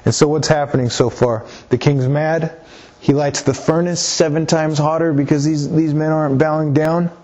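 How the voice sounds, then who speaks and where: A man's voice: fairly high pitch, fairly even intonation, normal speed, darkish tone. A man preaching a sermon, reading scripture and explaining it, earnest, often repeating himself as he urges his listeners on. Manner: earnest, repeats phrases, exhorts listeners directly. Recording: slightly dull lo-fi recording.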